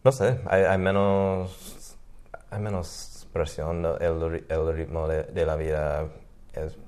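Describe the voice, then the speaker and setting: Slow, deep-voiced man. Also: flat delivery, darkish tone. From Maine, USA. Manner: hesitant, halting with many restarts. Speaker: conversation partner. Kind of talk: casual chat in Spanish.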